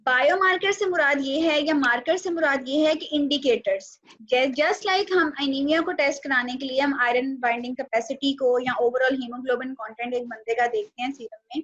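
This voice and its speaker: A woman teaching a nutrition class online, explaining patiently step by step with small pauses. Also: high voice, a bit bright. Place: home video call. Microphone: laptop or phone mic on a video call. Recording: dull, lo-fi video call audio with faint noise.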